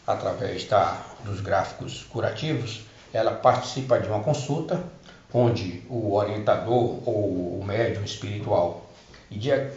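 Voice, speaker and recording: A middle-aged man gives a personal testimony about spiritual healing, hesitating and restarting his words as he explains. His voice is medium-pitched with a darkish tone, captured in a roomy, dull lo-fi recording.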